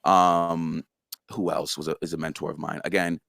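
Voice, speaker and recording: Interviewed casually about the story series he created, a man talks animatedly, repeats words as he thinks and slips in and out of character voices. His very deep, gravelly voice moves at a moderate pace, recorded with studio quality and no room sound.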